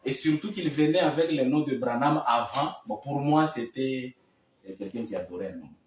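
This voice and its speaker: A man's voice: medium pitch, normal speed, reverberant, distant mic, slight background noise, low-quality recording. A man from the Democratic Republic of the Congo, a guest musician, answering hesitantly and repeating words as he searches. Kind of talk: studio interview.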